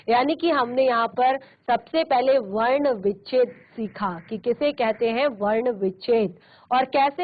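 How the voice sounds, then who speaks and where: A woman teaching a Hindi grammar class, explaining patiently and slowing down to model pronunciation. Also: a little high, phone-quality sound. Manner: explanatory, repeats "ठीक है" often. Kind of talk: virtual classroom lesson.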